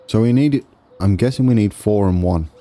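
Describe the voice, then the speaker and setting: A man with a low, mellow voice talks through a game build in a casual way. He sounds wheezy and congested. His delivery is tentative, as he thinks each step through out loud. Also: normal speed. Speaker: gaming video host.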